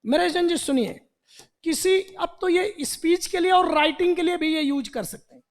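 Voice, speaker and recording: A man teaching an online vocabulary lesson in Hindi, explaining word roots with animated repetition and rhetorical questions. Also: very high-pitched, moderate pace. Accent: Indian Hindi.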